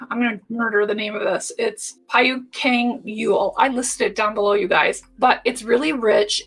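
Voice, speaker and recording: A woman's voice: on the high side, vocal fry, a bit bright, husky, rough recording. A woman in her forties chatting casually and enthusiastically through a beauty product review, talking straight to her viewers. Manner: chatty, enthusiastic, addresses viewers as you guys. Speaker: beauty vlogger.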